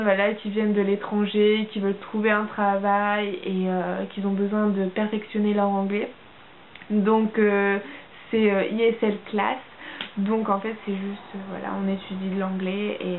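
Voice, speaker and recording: A young woman from France chatting casually to camera as a vlogger, hesitant and full of fillers and restarts. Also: mid-range voice. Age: young adult. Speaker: au pair vlogger. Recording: tinny phone-like audio with faint hiss.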